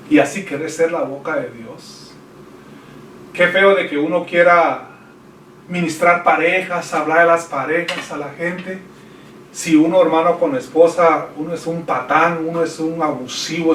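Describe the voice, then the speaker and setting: A man delivers an earnest sermon, speaking to his listeners as brothers. His voice sits somewhat high. The sound is roomy and distant, as if picked up from across the room with a faint hiss behind it. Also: fairly bright tone. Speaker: pastor. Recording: echoey room heard from a distance.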